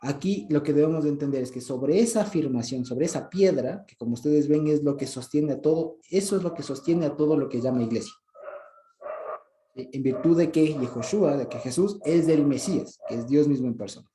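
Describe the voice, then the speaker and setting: A man with an Ecuadorian Spanish accent giving an informal Bible teaching, speaking conversationally and often stopping to ask if he is understood, with soft chuckles. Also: on the high side, a little fast, roomy sound, a little hiss or hum. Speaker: preacher.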